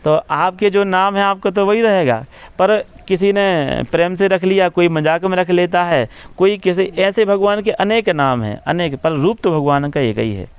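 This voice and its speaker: Man, religious preacher, fairly high voice, smooth resonant tone, measured devotional talk, slows for verses. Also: no room sound, dull audio. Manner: repeats key phrases with "है ना". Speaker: religious preacher giving an interview. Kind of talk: devotional explanation in a press talk.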